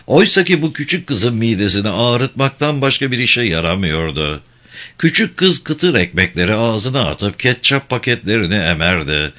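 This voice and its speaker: A man reading a novel aloud as scripted narration, with expressive, measured storytelling. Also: lowish voice. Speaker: audiobook narrator.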